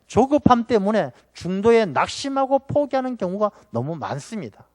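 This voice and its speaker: A male pastor with a high, light voice delivers a Sunday sermon, talking to the congregation in an easy, conversational way. He slips into quick acted-out quotes to make his points. The sound is close and dry, with no room echo.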